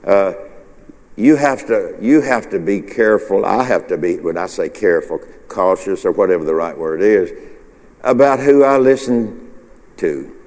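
Pastor, male, low voice, loose conversational preaching with call-and-response, reverberant sanctuary. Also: normal speed, a little mellow. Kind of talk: informal midweek sermon. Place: church sanctuary. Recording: long hall reverb.

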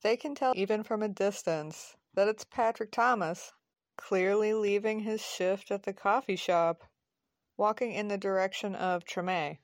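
A woman narrating a scripted audio drama in a calm, measured storytelling manner. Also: medium pitch, dry recording, studio quality.

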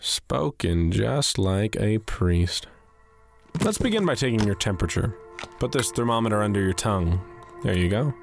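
A proud, low-voiced skeptical doctor, music behind. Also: male voice, very animated, normal speed, creaky. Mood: skeptical, dismissive. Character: skeptical, proud male doctor, irreligious, increasingly baffled. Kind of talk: dramatized audio story acting. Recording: loud music under the voice.

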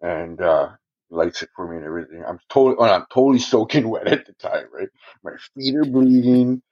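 Animated and fairly quick, a man with a lowish, dark-toned voice rambles through a long story from his own life on a laid-back podcast. Profanity and frequent chuckles fill his telling, heard through dull lo-fi sound.

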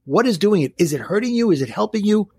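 Male life coach as interview guest, Brooklyn accent, raspy, explains in steps and asks his own questions. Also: high-pitched, lively intonation, fast talker, dark tone, dry recording, studio quality. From Brooklyn, New York. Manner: explains step by step with rhetorical questions and acted-out quotes.

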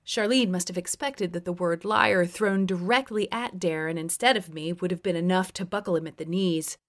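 A woman's voice: fairly low pitch, moderate pace. A woman reading her own memoir aloud as an audiobook, wry and blunt. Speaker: memoir narrator.

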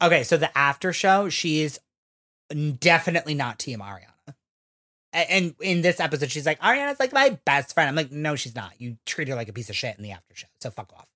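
On a laid-back reality-TV recap podcast, a co-host in her thirties talks briskly in a deep, expressive, fairly bright voice. She rants with lots of swearing and acts out quotes.

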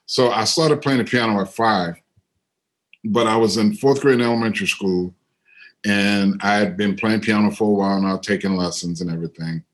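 A middle-aged man with a fairly low voice tells a story from his life at an easy pace. He speaks into a computer on a video call and fills his talk with little asides. He brightens and lifts his voice when he acts out other people. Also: moderate pace. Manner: animated when quoting others, otherwise easygoing with fillers. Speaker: interviewed musician and composer. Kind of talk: relaxed storytelling.

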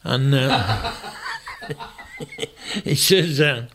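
Older northern irish guy rambling through stories, easygoing guest chat, mid pitch. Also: animated, extremely slow, a bit bright, slight background noise. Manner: rambling, anecdotal storyteller. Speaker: guest author and retired chef. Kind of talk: casual interview chat.

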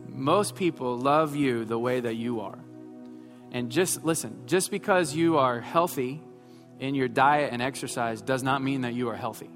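This sermon comes from a pastor in his thirties whose fairly bright, mid-range voice moves at a moderate pace. He alternates self-deprecating humor with emphatic statements, heard through long hall reverb over faint music.

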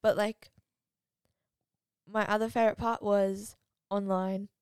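A woman's voice: medium pitch, flat delivery, slow pace, darkish tone, clear, resonant tone, dry recording, clean studio sound. A young woman co-hosting a casual podcast with her father, chatty and giggly. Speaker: podcast co-host, daughter. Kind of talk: casual chat.

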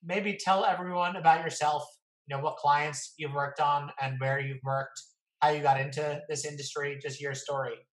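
A man hosts a casual interview, chatting with a guest and asking questions. His voice is a little high and a bit bright, with fairly even intonation at a normal speed. The recording sounds roomy and echoey.

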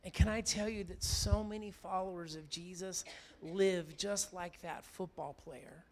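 A middle-aged man preaching from the pulpit, his voice sitting a little higher than most men's. He rises to loud, emphatic declarations, then drops low and close to tell a personal story. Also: steady tone, a little slow. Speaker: pastor. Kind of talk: sermon.

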